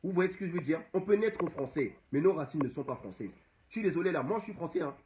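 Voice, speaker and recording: A man's voice: fairly high pitch, lively intonation, quick pace, background noise. A young man from Cameroon, an activist abroad, speaking straight to the camera and exhorting his audience, repeating the same phrases again and again. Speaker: diaspora activist. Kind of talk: impassioned direct-to-camera monologue.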